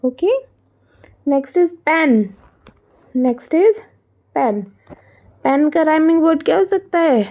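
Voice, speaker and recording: Indian lady teacher, high voice, mellow tone, slow and patient, asks kids stuff then answers it. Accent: Indian English. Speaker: primary school teacher. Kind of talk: workbook lesson for young children.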